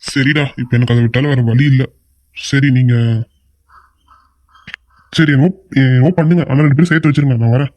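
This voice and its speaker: A man voicing a worried older uncle in a cartoon, talking fast and pleading. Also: medium pitch, steady tone, darkish tone, close to an everyday voice. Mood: upset. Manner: fretful, pleading, quick talk. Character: worried older uncle, anxious family elder. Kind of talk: cartoon voice acting.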